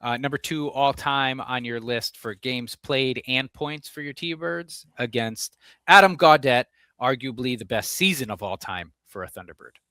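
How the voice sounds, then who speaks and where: A man co-hosting a sports podcast, chatting casually in an upbeat way with quick agreeing interjections. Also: mid-range voice, pushed and bright, clean tone, no echo. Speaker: podcast co-host.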